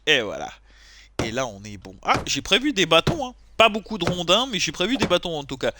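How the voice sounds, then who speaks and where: Excitable streamer dude joking around while he plays, higher voice that bounces all over. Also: fairly quick, background noise. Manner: excitable, jokey, loud outbursts. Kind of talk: casual gameplay commentary.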